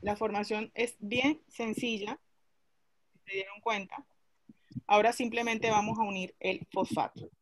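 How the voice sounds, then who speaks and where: A woman's voice: mid-range voice, steady tone, unhurried, pauses often, dry recording. Woman teacher, classroom lesson, step-by-step explaining, questions to students, dry close sound.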